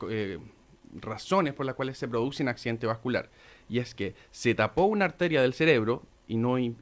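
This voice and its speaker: A middle-aged man, a doctor explaining step by step in a radio talk, calm and methodical with pauses. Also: mid-range voice. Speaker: physician guest.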